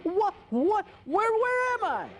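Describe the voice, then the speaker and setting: A man's voice: very high voice, expressive, normal speed, background noise, voice pushed up. A man voicing a sleepy, grumpy fellow who has just been woken from a nap. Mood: groggy. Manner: groggy and grumbling.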